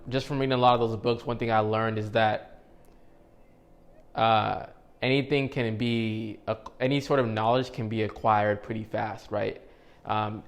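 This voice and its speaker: Male vlogger, thirties, low even voice, loose self-help chat to camera. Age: 30s. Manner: relaxed, rambling, with fillers and restarts. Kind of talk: casual motivational talk to camera.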